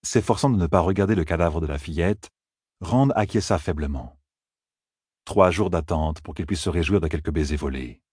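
Deep husky guy reading a fantasy audiobook, measured, dry studio sound. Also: darkish tone, dry recording. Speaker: audiobook narrator. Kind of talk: scripted narration.

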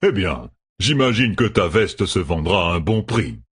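A man's voice: low-pitched, sing-song, unhurried, fairly bright tone, slightly rough, exaggerated voice. A man playing a shrewd, chummy innkeeper. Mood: scheming. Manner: chummy, then scheming. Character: burly, shrewd male innkeeper, falsely friendly.

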